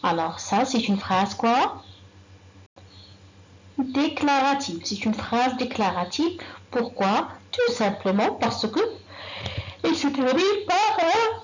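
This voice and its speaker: A woman teaching a grammar lesson to young children, slow and patient, repeating sentences and quizzing the class. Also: sits high, very animated, highs cut off, a little hiss or hum. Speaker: primary school teacher.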